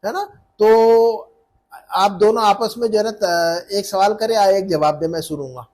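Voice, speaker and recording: A man's voice: high voice, measured pace, a little mellow. A man teaching a live class, patient, repeating words to drill pronunciation. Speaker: Arabic teacher.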